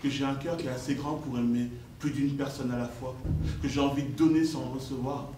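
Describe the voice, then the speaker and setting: A man from Normandy doing a stand-up comedy set, jumping high for quoted voices and dropping low for asides. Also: steady tone, fairly quick, warm tone. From Normandy, France. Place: stage in an echoey hall. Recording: echoey, distant live recording, noisy.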